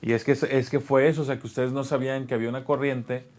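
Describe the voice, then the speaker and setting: A man asks questions and calmly recaps a friend's story in a casual interview. His voice is mid-pitched and even. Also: fast talker. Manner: calm, explains and sums up.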